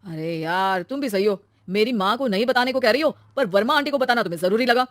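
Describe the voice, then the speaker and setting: A woman voicing a hot-tempered young husband in a cartoon story, speaking loudly and quick to argue. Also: mid-range voice, dry recording, clean studio sound, natural voice. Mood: angry.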